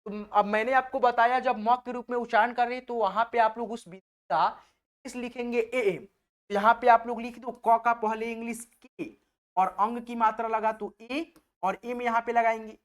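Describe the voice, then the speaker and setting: A man's voice: extremely high pitch, steady tone, normal speed. A man from or teaching a spelling lesson, patient and repetitive, asking his own questions and then answering them. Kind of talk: spelling lesson over a board.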